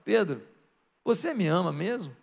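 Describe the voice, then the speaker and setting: A man voicing a soft, gentle Jesus. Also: sits high, a little fast, long reverb tail, soft background music, pitched below the performer's own voice. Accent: Brazilian Portuguese. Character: calm forgiving Jesus speaking to a disciple.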